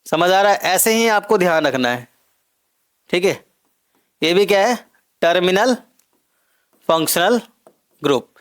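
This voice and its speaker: A high-voiced male chemistry teacher works through a recorded lecture point by point, going over key terms again and checking that his students follow along. He sounds animated and fairly bright, moving at a measured pace with frequent pauses.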